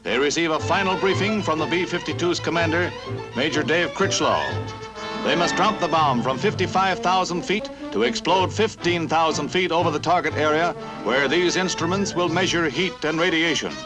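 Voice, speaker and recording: A man narrating a 1950s newsreel in a brisk, punchy announcer style, dramatic on serious stories and jokey on light ones. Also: on the high side, low-quality recording. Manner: brisk, punchy announcer delivery with playful asides. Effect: old newsreel recording. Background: music.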